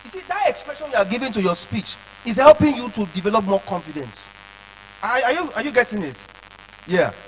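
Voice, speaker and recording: A man lecturing children on public speaking, animated and checking often that they follow along. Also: high voice, a little fast, faint music behind, low-quality recording.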